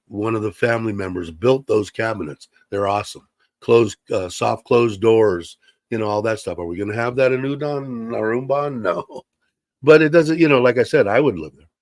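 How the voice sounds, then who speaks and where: A man hosts a casual livestream from his computer, talking through its built-in mic in a chatty, rambling way full of fillers. His voice is lowish and a bit congested, and there's no echo.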